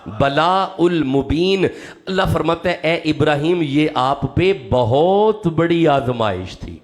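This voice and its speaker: A man's voice: fairly high pitch, expressive. A man preaching a sermon to a live audience, emphatic and repeating his key words. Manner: emphatic, repeats key words, rises when urging the crowd. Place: gathering before a live audience.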